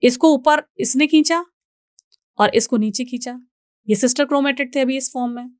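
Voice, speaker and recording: A woman's voice: high-pitched, no echo, clean studio sound. A young woman with an Indian accent teaching biology in a recorded exam-prep lecture, explaining step by step and often checking in with her students. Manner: explains slowly, reads English lines out deliberately, checks in with "ठीक है".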